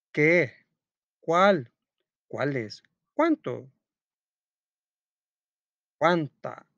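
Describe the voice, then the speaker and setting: A man with an animated, higher voice and some creak presents a school textbook lesson as a teacher, narrating step by step and reading stories aloud. He's didactic, asking questions and answering them himself. The recording is muffled but has no echo.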